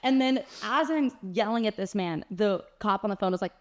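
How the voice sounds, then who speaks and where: A young woman co-hosting a casual chat podcast, telling a story with lively acted-out quotes and frequent laughter. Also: mid-range voice, brisk. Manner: animated storyteller, acts out quotes, laughs often. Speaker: podcast co-host.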